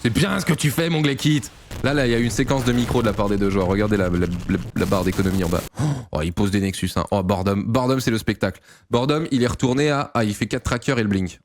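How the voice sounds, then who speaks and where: A man from France casually commentating a game replay, playful and teasing, with loud exclamations and swearing. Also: on the low side, quick pace, a little hiss or hum. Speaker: StarCraft grandmaster analysing a replay.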